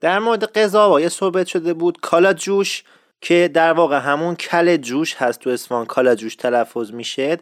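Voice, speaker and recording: A man teaching a language lesson, who explains expressions and repeats key terms slowly. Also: on the high side, no room sound, studio quality. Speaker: Isfahani dialect teacher. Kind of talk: radio-style language lesson.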